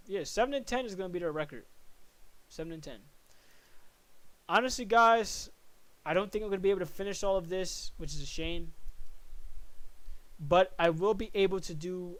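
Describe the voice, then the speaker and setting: A man's voice: on the high side, a bit bright. A young man hosting a casual solo podcast, rambling and correcting himself as he thinks aloud through sports predictions. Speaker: podcast host.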